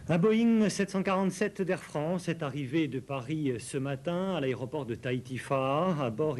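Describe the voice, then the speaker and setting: A man's voice: a little high, darkish tone. A man presenting scripted television news as the anchor.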